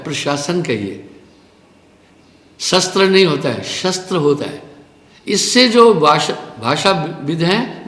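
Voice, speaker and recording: A man's voice: a little high, a bit bright. A man giving a live spiritual discourse as teacher, telling a parable and explaining language in a preaching, storytelling manner. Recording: echoey hall with long reverb.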